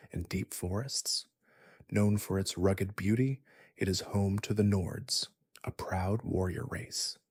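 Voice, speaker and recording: A man softly narrates in a soothing, half-whispered ASMR manner. His voice is lowish, husky and full of fry. He moves slowly and gently, very close and dry. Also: no room sound. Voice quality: breathy, husky, partly whispered. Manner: slow, gentle, soothing delivery. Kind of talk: soft whispered sleep-story narration, ASMR.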